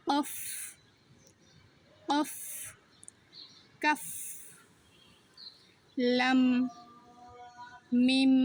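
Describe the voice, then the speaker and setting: Slow, high-voiced woman teaching letters. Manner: says each letter name slowly and repeats it. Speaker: Arabic alphabet teacher. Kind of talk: slow step-by-step pronunciation lesson.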